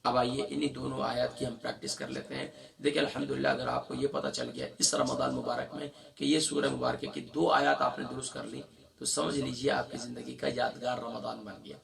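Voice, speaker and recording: A man with a sore throat teaches Quran recitation, spelling out syllables slowly and then explaining quickly. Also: medium pitch, flat delivery, vocal fry, fairly bright tone, far from the mic. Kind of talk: spoken lesson with slow drawn-out recitation.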